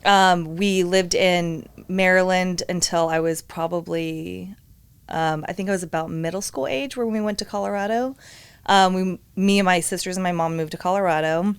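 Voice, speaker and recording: A woman's voice: on the low side, fairly even intonation, moderate pace, clean tone, no echo. A woman born in England, a podcast guest talking candidly and chattily about her upbringing and career. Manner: candid, chatty, laughs often. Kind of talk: casual interview chat.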